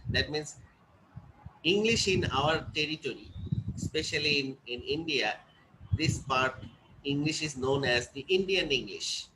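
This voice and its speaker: Male English teacher, fairly high voice, deliberate classroom lecture, noisy recording. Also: animated. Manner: explains slowly, often checks "is it clear?".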